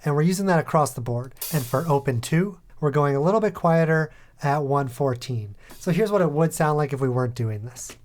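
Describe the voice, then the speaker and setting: A man hosting a music production tutorial, calmly talking through each step in a voice-over. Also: a little high, brisk, few pauses. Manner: calm, methodical step-by-step explaining. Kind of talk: tutorial voice-over over a screen recording.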